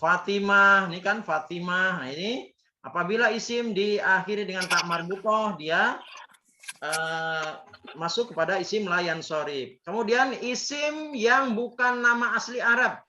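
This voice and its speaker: Captured in echoey, dull lo-fi audio with faint noise, an Islamic teacher with a high, pushed, bright voice speaks a little slowly. He runs an Arabic grammar class in call-and-response, repeating words and testing his students.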